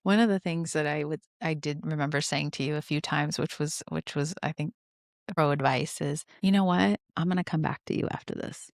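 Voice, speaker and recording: A woman's voice: low voice, steady tone, a little fast, no echo, studio quality. A woman co-hosting a podcast in casual conversation, explaining her points in short phrases and affirming her partner. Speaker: podcast co-host.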